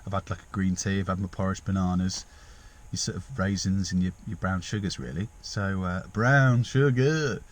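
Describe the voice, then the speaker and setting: A man's voice: low voice, level tone, fairly quick. A young man from England, rambling chattily and self-deprecatingly in a casual vlog. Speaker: vlogger.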